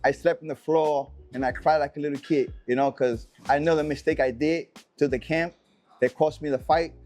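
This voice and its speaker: A man's voice: a little high, steady tone, moderate pace, a little mellow, faint music behind. A middle-aged man from Puerto Rico, a former professional boxer, talking casually in an interview with many fillers and repeats. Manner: rambling, repeats himself, many fillers like "you know".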